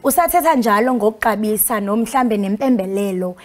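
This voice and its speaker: A woman with a Xhosa accent hosts an interview programme. Her voice sits at a medium pitch as she introduces and questions her guest. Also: brisk. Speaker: broadcast host. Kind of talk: interview hosting.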